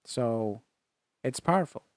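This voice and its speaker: A man co-hosting a casual faith podcast, talking earnestly in halting phrases with frequent restarts. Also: medium pitch, animated, dry recording, clean studio sound. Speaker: podcast co-host.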